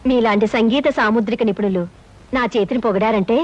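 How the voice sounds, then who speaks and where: An actress playing a polite, gracious housewife in a film comedy. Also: female voice, fairly high pitch, quick pace, natural voice. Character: polite soft-spoken housewife. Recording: dull distant film soundtrack.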